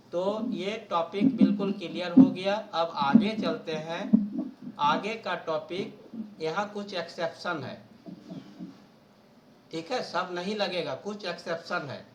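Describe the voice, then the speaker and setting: High-voiced male teacher in a roomy class. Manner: explains patiently, often checks understanding. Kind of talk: classroom lesson. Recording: roomy classroom with faint noise.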